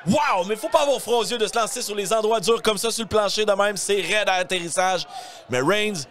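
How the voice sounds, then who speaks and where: A man with a Quebec French accent calling live wrestling play-by-play as an excited commentator who often shouts and exclaims. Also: high voice, a little fast. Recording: live event with crowd noise.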